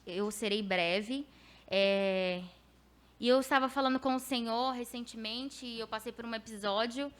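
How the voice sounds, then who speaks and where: A woman preaches a testimony from the pulpit, her voice sitting a little higher than most. She tells the story earnestly and with animation, acting out the conversations she describes. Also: measured pace, fairly bright tone. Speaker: preacher giving a testimony at a church service. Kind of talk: testimony sermon.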